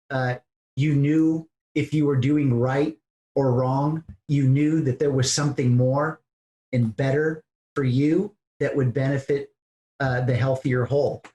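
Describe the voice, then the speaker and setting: A man's voice: mid-range voice, steady tone, measured pace, dark tone. A man hosting a podcast interview, wrapping up with earnest, effusive praise for his guest. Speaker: podcast host. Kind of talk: casual interview wrap-up. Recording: echoey room.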